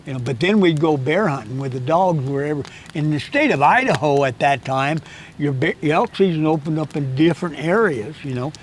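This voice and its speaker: A man's voice: a little high, expressive, brisk, a little hiss or hum, rough recording. A man in his eighties telling hunting stories outdoors in a canyon, rambling and often stammering and repeating his words. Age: 80s. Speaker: interviewed guest, hunting guide. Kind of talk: casual storytelling chat.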